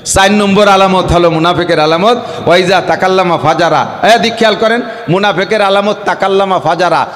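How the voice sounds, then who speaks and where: Man, preacher, high voice, humorous sermon, long echoing reverb. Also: brisk. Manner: swings between low confiding asides and loud shouted preaching.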